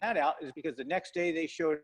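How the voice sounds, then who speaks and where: A man's voice: fairly high pitch, quick pace. Man on a choppy, skipping call line. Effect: choppy, skipping call audio that keeps breaking up. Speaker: discovery center tour guide. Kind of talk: guided tour over a video call. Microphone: phone on a video call.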